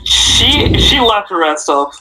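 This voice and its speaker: A high-pitched teenage boy talks with his friends on a casual podcast. His bright voice rambles and trips over fillers and restarts. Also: sing-song, slow pace, a little hiss or hum, poor audio. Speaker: podcast co-host. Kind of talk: casual chat.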